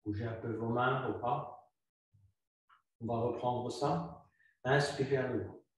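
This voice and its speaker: A man teaching yoga talks his flow class through each pose calmly, going over his cues slowly and more than once. His pitch is medium, and the very echoey room leaves him sounding far from the mic.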